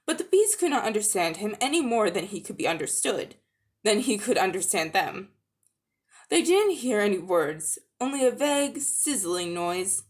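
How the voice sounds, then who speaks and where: An amateur audiobook reader, a woman with a mid-range voice, reads a children's story aloud at normal speed in an expressive, dramatic narrating style, stumbling now and then.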